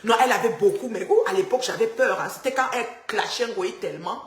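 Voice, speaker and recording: A woman, chatting and teasing her viewers on a phone live stream from a dark house. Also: medium pitch, fast, reverberant. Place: house with the power cut.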